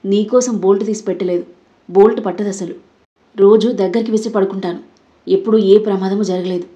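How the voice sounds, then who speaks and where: A woman's voice: mid-range voice, steady tone, brisk, dark tone, natural voice. A woman voicing a bold, cunning young woman who is trained in karate, in a Telugu audio story. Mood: defiant. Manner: defiant, then feigning innocence.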